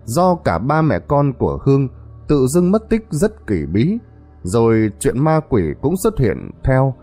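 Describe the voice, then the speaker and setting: A man narrates a horror story in a mellow, warm voice, building suspense. His pitch moves expressively up and down. Faint music plays underneath. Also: huge pitch swings, a little slow.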